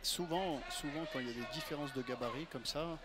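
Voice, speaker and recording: A man's voice: on the high side, fairly quick, a loud crowd. A man giving conversational expert fight commentary as a coach, often repeating phrases for emphasis. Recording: live commentary over music.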